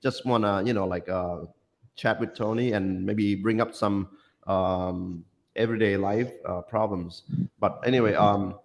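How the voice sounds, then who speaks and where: A man's voice: fairly low pitch, fairly even intonation, unhurried, creaky. A man from Thailand with a Thai accent, hosting a casual livestream chat and talking with many fillers and restarts. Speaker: livestream host.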